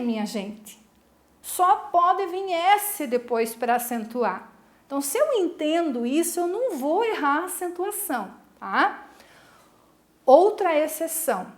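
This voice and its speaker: A Brazilian woman teacher giving a video lesson to school pupils, explaining a rule patiently, step by step, and asking the class questions. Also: high-pitched. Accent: Brazilian Portuguese. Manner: calls herself "a prof" in the third person.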